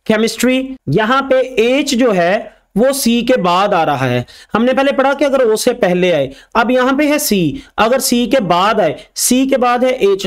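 A man teaching English letter sounds, speaking slowly and repeating each example word. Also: high-pitched. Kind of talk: spoken English lesson.

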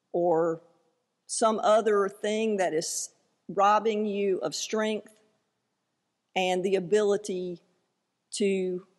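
Slow, gravelly woman preaching in church. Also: mid-range voice. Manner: measured, earnest delivery with light self-deprecating asides. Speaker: pastor. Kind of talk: sermon with scripture reading. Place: church sanctuary. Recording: long hall reverb in a church.

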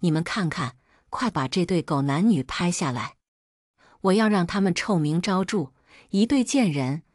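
A vicious, raging husband , as a woman narrator puts him on, spitting insults and accusations. The voice sits low and the sound is dry and close. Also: lively intonation, moderate pace, darkish tone, no echo. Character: enraged abusive husband, man, vicious.

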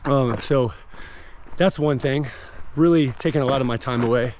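A man in his thirties with an American accent talks casually to his vlog audience. His voice sits at an ordinary pitch for a man. Light ambient noise runs behind the speech. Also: moderate pace, a little mellow. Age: 30s. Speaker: vlogger and gym owner. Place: outdoors on forest trail, later inside a car. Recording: clear outdoor and vehicle background noise.

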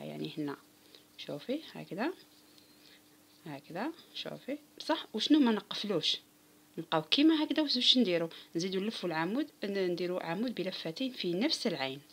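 Husky Algerian woman teaching crochet. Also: mid-range voice. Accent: Algerian Arabic. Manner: patient, counts stitches aloud, addresses viewers directly. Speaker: crochet instructor. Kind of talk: step-by-step craft tutorial.

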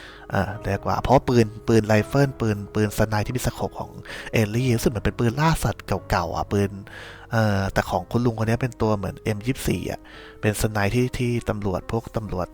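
Low-voiced man recapping a show. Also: quick pace, a little mellow, faint music behind. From Thailand. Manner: rambling, slangy, many restarts. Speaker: podcast host recapping a series. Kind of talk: casual spoiler recap chat.

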